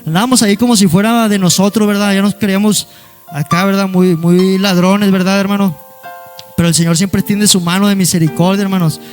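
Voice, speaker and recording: A young man, telling a congregation his life story in a halting, repetitive way, often adding asides to his listeners. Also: high voice, steady tone, faint music behind. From Monterrey area, Mexico. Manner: halting, repeats words, keeps adding "hermano" and "¿verdad?"; peppers his talk with "aleluya". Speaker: guest giving a church testimony. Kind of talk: personal testimony to a congregation.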